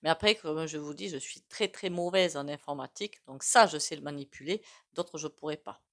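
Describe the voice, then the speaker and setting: A woman with a regional French accent talks through a tarot spread for her viewers, her voice sitting a little low. She rambles as she goes, filling the gaps with hesitations and little asides. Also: brisk, fairly bright tone. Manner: chatty, rambling, with many fillers and self-asides. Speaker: tarot reader. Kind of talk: casual tarot reading to camera.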